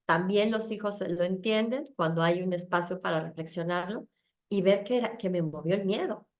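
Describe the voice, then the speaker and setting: Middle-aged woman, chatty and expressive, tells her own story, acts out what she said. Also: lowish voice, moderate pace. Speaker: guest speaker. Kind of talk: candid conversational storytelling.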